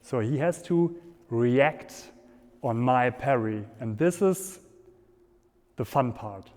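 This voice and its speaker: Slow-paced German-accented man in an echoing hall. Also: mid-range voice, animated, darkish tone. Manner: halting non-native phrasing. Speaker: fencing instructor. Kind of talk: instructional demonstration, explaining step by step. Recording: echoey hall with long reverb.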